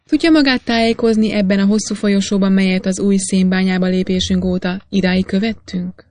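A woman's voice: medium pitch, fairly even intonation, a little mellow, dry recording, lightly acted. A woman reading aloud, voicing a polite, respectful young man in a storybook. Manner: polite, questioning.

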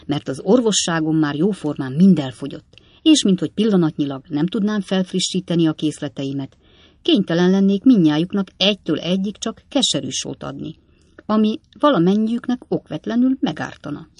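A reader voicing a boisterous, reckless young male apothecary in an audiobook, loud and excitable. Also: medium pitch, breathy edge, dry recording. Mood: breezy. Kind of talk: audiobook character voice.

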